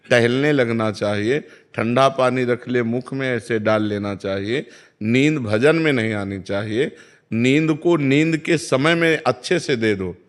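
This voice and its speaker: A man giving a devotional discourse as a spiritual teacher, calm and measured, instructing listeners and quoting scripture. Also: medium pitch. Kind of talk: devotional discourse answering questions.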